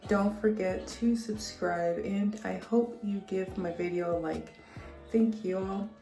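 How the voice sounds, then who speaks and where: A woman at home talks through a makeup review in a chatty, upbeat way, speaking straight to her viewers. She takes her time over each thought, drawling slowly. Faint music plays softly behind her. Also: medium pitch. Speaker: beauty vlogger. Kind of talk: casual makeup review to camera.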